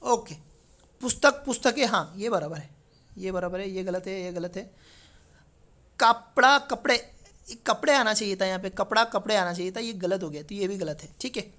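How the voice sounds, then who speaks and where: A man's voice: high voice, a little fast, fairly bright tone. Male teacher, chatty. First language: Marathi. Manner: conversational, checks in with frequent tag questions. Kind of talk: exam paper walkthrough lesson.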